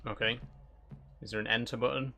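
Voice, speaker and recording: A man's voice: medium pitch, fairly even intonation, a little fast, creaky, bright, forceful tone, faint music behind. A man giving casual live horror game commentary, thinking aloud and puzzling things out with short questions to himself.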